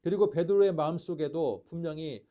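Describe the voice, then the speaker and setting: A man preaching a sermon as pastor, asking the congregation rhetorical questions and shifting between loud declarations and hushed lines. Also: fairly high pitch, a little fast.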